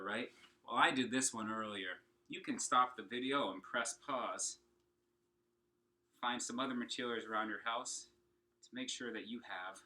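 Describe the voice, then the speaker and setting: A man with a sharp-toned, mid-range voice leads an encouraging, upbeat lesson for children as their singing and opera teacher. He's at home, speaking to the kids directly and asking them questions as he goes.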